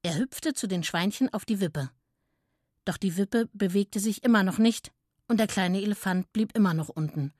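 Storybook narrator, woman, gentle and clear, dry studio voice. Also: medium pitch, normal speed, dry recording. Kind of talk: children's storybook reading.

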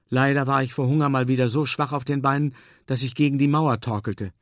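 A man reading a children's story in the first person as a dog, in a calm, measured way with drawn-out emphasis. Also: mid-range voice, dry recording, clean studio sound. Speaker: audiobook narrator.

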